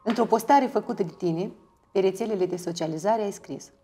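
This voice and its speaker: A woman's voice: mid-range voice, warm tone. A woman, a folk singer interviewing a guest in playful, joking chat.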